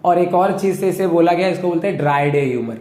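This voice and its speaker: Young guy, high-pitched, casual explainer, roomy echo. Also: fast talker, a little mellow. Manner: keeps checking in with listeners. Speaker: host explaining a topic. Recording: echoey room.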